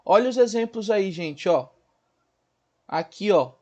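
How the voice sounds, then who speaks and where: High-voiced male teacher. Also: lively intonation, a little mellow, muffled recording. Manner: explains slowly, spells out sounds and asks the class questions. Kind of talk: recorded school lesson.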